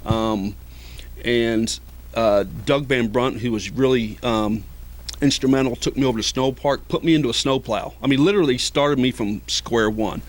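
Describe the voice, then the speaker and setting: A man's voice: mid-range voice, moderate pace. A middle-aged man, a ski patroller, telling stories in a casual interview, rambling with many fillers. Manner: rambling, many fillers, acts out quoted voices. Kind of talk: casual storytelling.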